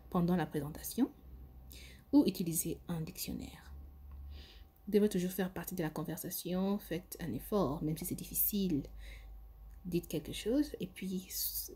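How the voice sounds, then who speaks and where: A woman giving an English lesson, modelling phrases slowly and carefully. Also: on the low side, dark tone, breathy edge. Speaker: English teacher. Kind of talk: language lesson.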